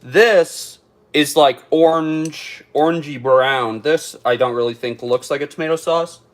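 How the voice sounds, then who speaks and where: A man's voice: medium pitch, moderate pace. A man chatting through a casual taste-test vlog, thinking aloud as he eats. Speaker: food reviewer.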